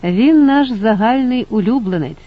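A man's voice: extremely high pitch, expressive, normal speed, dull audio, voice pushed up. A man voicing a proud, insistent woman who hosts the guests, speaking emphatically and indignantly.

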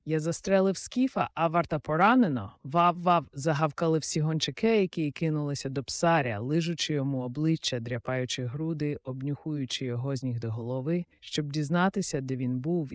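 A man narrating an audiobook with lively, expressive storytelling. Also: mid-range voice, no room sound, clean studio sound.

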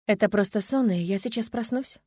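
A woman narrates a fantasy romance in the first person, telling it with expression at a middle pitch. The read is dry and close to the mic. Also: fairly quick, slightly rough, dry recording. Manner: expressive storytelling. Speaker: audiobook narrator.

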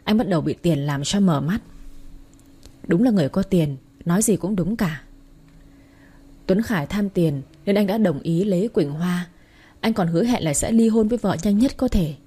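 A woman narrating a story in the first person, reading in a steady storytelling manner. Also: lowish voice, moderate pace, slightly rough. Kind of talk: scripted narration.

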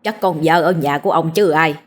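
A woman's voice: low voice, brisk. A woman voicing a boisterous, teasing drunken old village man. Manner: joking, protesting.

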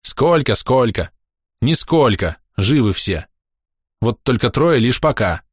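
A man voicing a grumpy, sharp-tongued woman healer who scolds and snaps in a raised voice. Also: mid-range voice, very animated, slow pace, husky, no room sound, clean studio sound, exaggerated voice. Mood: grumbling.

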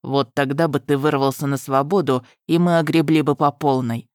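A woman voicing a calm, sinister male dark elf mage who speaks slowly and measuredly. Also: low voice, dry recording, clean studio sound, natural voice.

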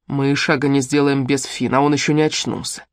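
A man's voice: flat delivery, fast, dry recording, clean studio sound, lightly acted. Narrator voicing a stern, protective young man. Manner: low, clipped, firm commands.

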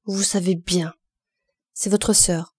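A woman voicing an angry young laundress who stammers out loud threats. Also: lowish voice, steady tone, takes it slowly, slightly rough. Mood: threatening.

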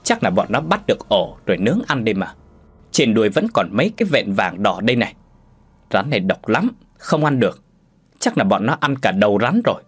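Man playing an earnest village father, storybook figure, urgent and questioning, husky voice. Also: on the low side, sing-song, a little fast, soft background music. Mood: dismayed. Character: village father with folk healing know-how, earnest.

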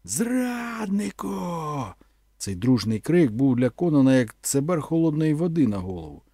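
Man, audiobook narrator, husky, lively pitch, dry close sound. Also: brisk, no room sound. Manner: expressive, dramatic. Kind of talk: dramatic audiobook reading.

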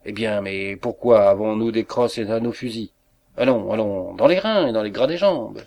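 A bossy, jovial sergeant barks orders in a storybook reading, as a male narrator puts him on. His low voice mixes joking asides with drill commands. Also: normal speed, creaky, darkish tone. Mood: commanding. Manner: jocular, barking orders.

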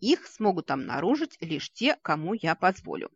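A reader voicing a haughty, calm male elf mage in an audiobook, explaining with measured pride in a husky voice. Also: mid-range voice, highs cut off. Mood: proud. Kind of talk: audiobook character voice.

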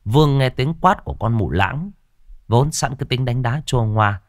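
A man reading a story as narrator, expressive in delivery. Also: mid-range voice, normal speed, dry recording, clean studio sound. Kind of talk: scripted horror story narration.

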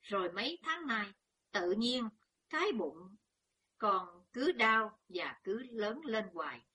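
Woman reading as an anxious scolding old mother, slow, bright, slightly husky, storybook. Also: mid-range voice, lively intonation, full character voice. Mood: fretful. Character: worried older peasant mother.

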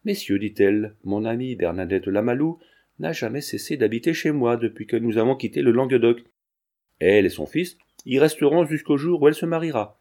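A man's voice: medium pitch, expressive, a little fast, warm tone. A man reading a gracious marquise. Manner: formal, courteous. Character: gracious aristocratic marquise, composed.

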